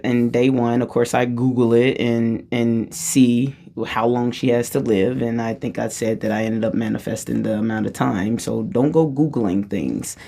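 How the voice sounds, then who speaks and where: A vlogger with a low-register voice and vocal fry tells a personal story in a casual, rambling way. She often breaks off and restarts her sentences and laughs as she talks.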